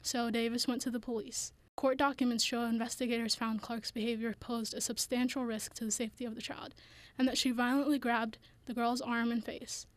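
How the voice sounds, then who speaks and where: A woman reads a scripted news report in a fairly high, very even voice. The sound is dry, with no room around it. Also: fairly quick, no echo.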